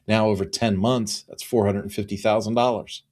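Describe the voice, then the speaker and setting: A man's voice: lowish voice, steady tone, normal speed, darkish tone. A man in his fifties, a business consultant talking alone to camera, earnest and repeating phrases for emphasis. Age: 50s. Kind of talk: solo promotional talk to camera.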